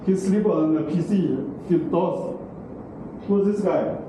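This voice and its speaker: In a large classroom, a middle-aged man gives a university lecture in broken English, drawing out his words in a high-pitched voice and regularly asking "okay?" and "right?". The far room camera yields noisy, very echoey sound.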